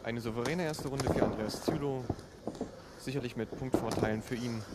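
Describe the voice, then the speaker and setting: A man giving live boxing commentary in a measured, explanatory way from inside a sports hall. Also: medium pitch. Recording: loud arena noise behind the commentary.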